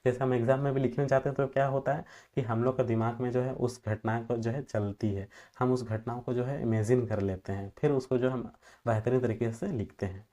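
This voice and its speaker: A man's voice: medium pitch, steady tone, a little fast, warm tone. A man teaching an exam-prep lecture in a loose, conversational way, leaning on fillers and homely examples and sometimes stumbling over terms and correcting himself. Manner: filler-heavy, repeats "जो है" often.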